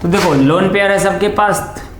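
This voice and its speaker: Male chemistry tutor, high voice, echoey classroom, quizzes himself as he explains. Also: a little hiss or hum. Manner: questions and answers himself, drawn-out key terms. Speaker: chemistry teacher. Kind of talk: classroom lecture on coordination compounds.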